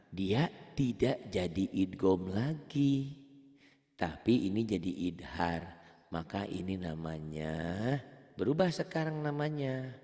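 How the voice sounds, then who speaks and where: A man's voice: deep voice, warm tone, long reverb tail. A man teaching Quran recitation rules one-on-one, patiently repeating points and quizzing his student. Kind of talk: one-on-one tajwid lesson.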